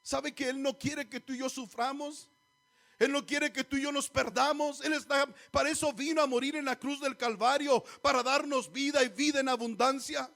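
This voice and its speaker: The preacher speaks with an extremely high, creaky, fairly bright voice, holding a steady tone at normal speed. In his church sermon he exhorts the congregation, repeatedly calling them "hermanos" and asking rhetorical questions.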